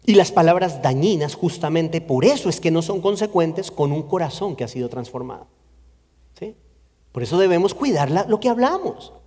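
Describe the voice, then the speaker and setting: A man's voice: on the high side, lively intonation, moderate pace, dark tone. A man preaching a sermon earnestly in a church, repeating phrases for emphasis. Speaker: pastor. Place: church sanctuary. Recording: long church reverb.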